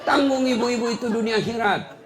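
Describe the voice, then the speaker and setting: A man preaching a sermon to a live congregation with a lilt, animated and joking, with sudden loud outbursts. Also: extremely high pitch, brisk, a loud crowd, heavy background noise.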